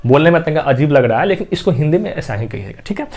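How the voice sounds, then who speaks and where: A man teaches a maths class step by step, posing questions and answering them himself. His voice is fairly high, sing-song and a little mellow, and he talks fast.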